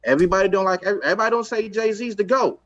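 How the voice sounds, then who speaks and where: A man's voice: sits high, fast, fairly bright tone, lo-fi sound. A man from Los Angeles, a record executive talking in a casual podcast chat, emphatic and streetwise, repeating his points.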